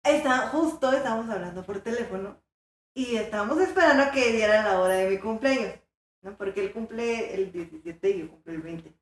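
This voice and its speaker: A young woman with a Mexican accent, an animated storyteller who acts out the voices in her story. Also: medium pitch, brisk, very echoey. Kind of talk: casual chat.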